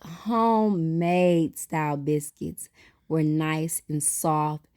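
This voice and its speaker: A woman's voice: low voice, fairly even intonation, very slow, darkish tone. A woman chatting casually as host of a food vlog. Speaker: mukbang host. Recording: music under the voice. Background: background music.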